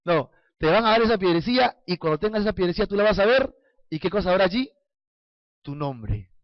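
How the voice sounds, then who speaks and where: A man's voice: high-pitched, sing-song, fairly quick, no room sound. A man preaching a sermon in a playful, storytelling way, asking his listeners questions. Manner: playful, acts out little scenes and asks the congregation questions. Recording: dull lo-fi sound, dry.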